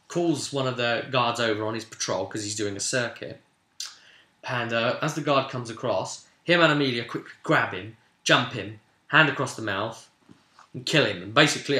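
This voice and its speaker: Casually and with animated flair, a game master on a role-playing vidcast retells a tabletop session, his voice swelling emphatically without warning. He has a mid-range voice, heard in a roomy space full of echo.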